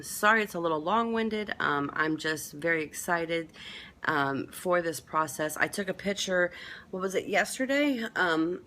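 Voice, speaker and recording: A woman's voice: sits low, sharp tone, a little hiss or hum. A woman giving a casual, rambling update to camera, chatting with lots of fillers. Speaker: vlogger.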